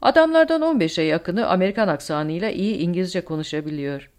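A woman's voice: on the low side, lively intonation, fairly quick, a little mellow, natural voice. Woman playing a stern barking male colonel. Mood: confident. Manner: barking orders.

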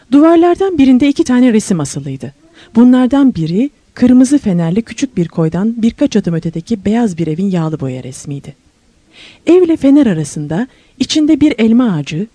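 A woman reads a novel aloud in an expressive storytelling voice, her pitch rising and falling a great deal. Her tone is mellow and dark rather than bright, and the sound is dry and close, with almost no room around it. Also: dry recording. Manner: expressive storytelling, slows and rises for wonder and questions. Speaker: audiobook narrator. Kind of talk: scripted novel narration.

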